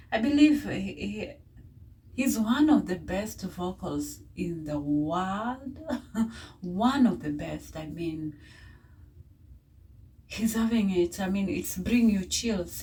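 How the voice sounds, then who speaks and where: A woman who speaks English as a second language gives casual reaction commentary in a halting way, often repeating words and phrases. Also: mid-range voice, darkish tone. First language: not English. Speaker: music reaction video host. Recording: distant mic with faint noise.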